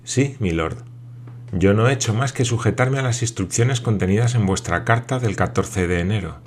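A man's voice: fairly low pitch, normal speed, a little hiss or hum, close to an everyday voice. A man doing an old puzzled sailor. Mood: calm puzzled. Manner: calm, plain, bewildered.

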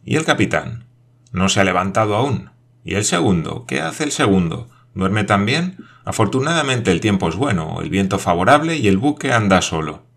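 A man's voice: fairly low pitch, sing-song, vocal fry, a bit bright, husky, heavily acted. A man voicing a talkative, absent-minded lanky foreign traveler who fires off questions and hops from topic to topic. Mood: excited. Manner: rapid-fire questions, hops between topics.

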